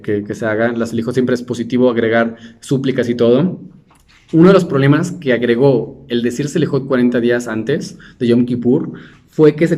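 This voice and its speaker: A man's voice: on the high side, darkish tone. A man giving an informal Torah class, talking conversationally and putting questions to his listeners. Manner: conversational, asks the class questions, many restarts. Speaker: Torah teacher.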